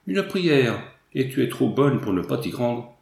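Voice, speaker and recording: Une jeune femme têtue et railleuse, qu'un homme contrefait en voix aiguë, lancée avec vivacité dans un livre audio. On entend une pièce réverbérante autour de la voix. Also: male voice, medium pitch, very animated, a little slow, gravelly, darkish tone. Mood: coaxing. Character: young wife, lively, stubborn, city-loving. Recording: roomy echo.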